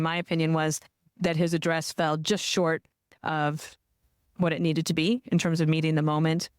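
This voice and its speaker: Podcast host, direct and opinionated, smooth clear voice, dry recording. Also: medium pitch, no room sound. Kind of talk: podcast interview.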